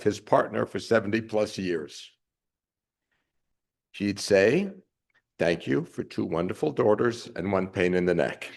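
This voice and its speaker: Creaky-voiced man giving a eulogy. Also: lowish voice, darkish tone. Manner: emotional, wry, measured delivery. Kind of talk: memorial eulogy. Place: funeral service.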